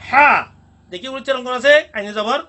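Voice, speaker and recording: A man teaching Quran pronunciation in a recorded lesson, drilling each sound slowly with repetition. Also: very high-pitched, pushed and bright.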